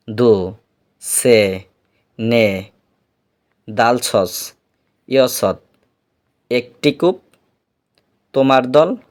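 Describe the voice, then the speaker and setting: A male teacher going through a beginner lesson at a very slow, measured pace. He says each word carefully and often repeats it for practice. His voice sits at an ordinary middle pitch. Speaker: language teacher.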